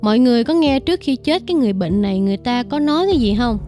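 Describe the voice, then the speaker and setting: A woman voicing a calm Buddhist nun who explains karma in a slow, measured way. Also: on the high side, faint music behind, close to an everyday voice. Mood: solemn.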